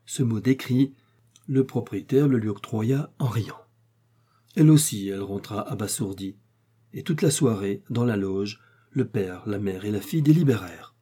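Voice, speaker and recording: A man narrating a classic story in a measured, expressive reading. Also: lowish voice, husky.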